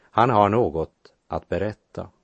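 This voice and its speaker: A man with a very low voice reads Bible passages and adds his own commentary between them. His delivery is measured and deliberate, and he slows down to stress the key lines. The recording is close and dry, with no room sound. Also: vocal fry, no echo, muffled recording. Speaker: Bible teacher. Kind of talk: scripture reading with commentary.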